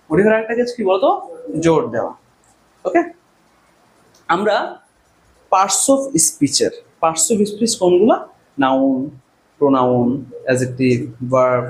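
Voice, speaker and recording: A man teaching English grammar to a class, repeating his questions and answering them himself in call-and-response drills. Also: sits high. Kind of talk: classroom lecture.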